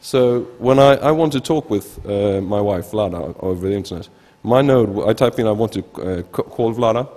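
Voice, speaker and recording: With a lowish, darkish voice, this Swedish-accented researcher in his thirties sounds animated as he gives an informal technical conference talk. He hesitates and frequently restarts words while speaking at a lectern into a gooseneck mic, and the large indoor hall adds noticeable reverb.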